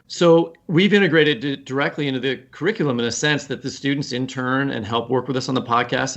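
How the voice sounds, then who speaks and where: A man appears as a podcast guest, a writing teacher swapping anecdotes in an informal, self-deprecating, salty way during a casual interview. His voice is medium-pitched, gravelly, and fairly bright.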